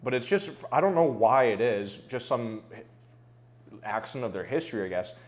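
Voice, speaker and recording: A man's voice: mid-range voice, lively intonation, normal speed. A man hosting a podcast, talking in an easygoing, agreeable way with a few jokes. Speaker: podcast host. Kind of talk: casual conversation.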